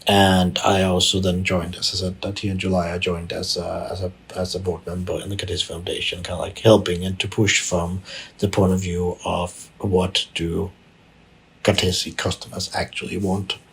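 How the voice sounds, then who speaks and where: Over poor audio, a man from Denmark, a tech executive, answers interview questions as a podcast guest in loose, unrehearsed conversation. His voice is very deep and rough with a heavy husk, the tone level and the pace normal, and he keeps stumbling, repeating words and starting over.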